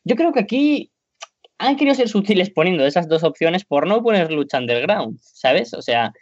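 A man's voice: high-pitched, very animated, moderate pace, no room sound. A man with a Spain Spanish accent talks wrestling in a loose, rambling way that builds into an exasperated rant. The recording is dull and lo-fi, close and dry with no room sound. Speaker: wrestling podcast co-host. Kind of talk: casual opinion chat.

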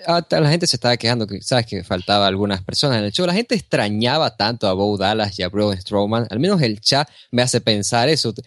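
A man's voice: lowish voice, expressive, a little fast, few pauses, fairly bright tone, no echo. Chatty man co-hosting a podcast. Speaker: podcast co-host. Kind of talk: casual wrestling podcast chat.

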